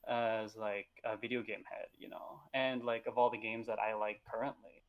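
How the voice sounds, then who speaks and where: A man's voice: fairly low pitch, level tone, moderate pace, phone-quality sound. Rambling, upbeat young man chatting. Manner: enthusiastic, rambling with restarts and laughs. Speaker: podcast co-host. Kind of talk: casual chat.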